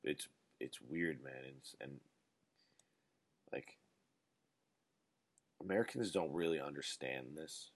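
A man's voice: rumbling low, slow, pauses often. A man in his twenties rambling through a solo casual monologue, ranting and swearing freely as he talks. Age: 20s.

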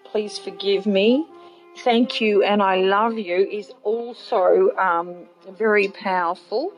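A woman podcast host guiding a meditation on forgiveness in a gentle, unhurried manner with pauses. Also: on the low side, lo-fi sound. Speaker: podcast host and healing practitioner.

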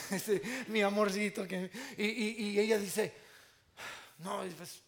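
A man's voice: sits high, fairly even intonation, measured pace. A man preaching a sermon as pastor, earnest with playful asides, speaking Spanish with an American English accent.

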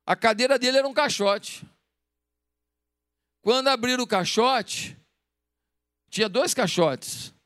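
A Brazilian preacher with a very high voice delivers a sermon, pressing his point with one rhetorical question after another. His delivery is emphatic, and the recording is dry and close, with no room echo. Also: a little slow, long pauses, fairly bright tone. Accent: Brazilian Portuguese. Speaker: pastor.

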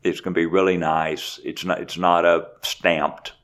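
Deep-voiced man, plain and unhurried. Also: flat delivery, a bit bright. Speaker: race director. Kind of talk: casual interview.

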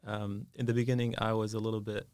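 A man's voice: on the low side, little pitch movement, quick pace, darkish tone, smooth, no room sound. A man, a dentist talking as a guest in a podcast studio, hesitant and full of fillers. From Syria. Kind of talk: casual interview.

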